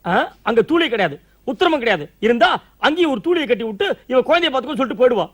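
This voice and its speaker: A frazzled new dad cracking jokes. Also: male voice, very high-pitched, big pitch swings, a bit bright, heavily acted. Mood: exasperated. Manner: quick punning quips, exasperated complaints. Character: flustered young husband and new father, wisecracking. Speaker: lead comic actor. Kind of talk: Tamil stage comedy acting.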